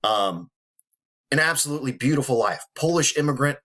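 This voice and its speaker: A man's voice: medium pitch, lively intonation, fairly quick, fairly bright tone. Guy in his 30s getting emotional, trying not to cry, swears a lot, really earnest, normal middle voice. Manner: earnest, emotional, profane, motivational. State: holding back tears. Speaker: vlogger. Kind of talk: personal talk to camera.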